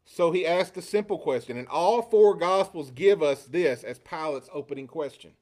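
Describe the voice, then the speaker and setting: Male preacher, fairly high voice, expository sermon with dramatic quoted lines. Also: expressive, moderate pace, darkish tone. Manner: rhetorical questions, acts out quotes with rising inflection.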